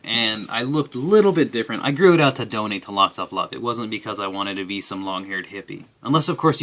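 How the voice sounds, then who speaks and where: A young man talking casually to the camera as an applicant, with a dry, deadpan delivery. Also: lowish voice. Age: young adult.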